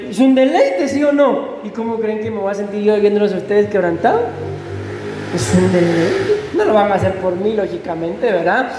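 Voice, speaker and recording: A man's voice: high-pitched, animated, moderate pace, a crowd in the background. Man as pastor, fervent sermon, echoey hall with long reverb and faint ambience. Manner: fervent, addresses congregation with questions. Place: church sanctuary.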